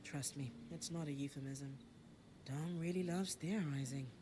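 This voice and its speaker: A woman plays a dry, teasing companion in a video game. Her voice sits low and stays soft and understated. A steady layer of noise runs under the game audio. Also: moderate pace, natural voice. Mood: wry. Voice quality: soft, low-key and wry. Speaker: game character.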